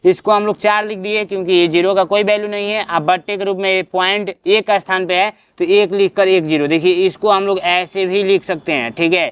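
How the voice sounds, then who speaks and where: A man teaching an exam-prep maths lesson, explaining each step slowly and checking in with his students as he goes. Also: sits high, fairly even intonation, a bit bright, clear, resonant tone, no echo. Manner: explains step by step, tag-question fillers.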